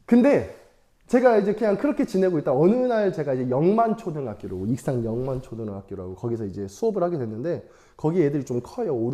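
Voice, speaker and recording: A man's voice: a little high, dark tone. A young man preaching to children in a casual storytelling sermon, chatty and playful, laughing often and asking the audience questions.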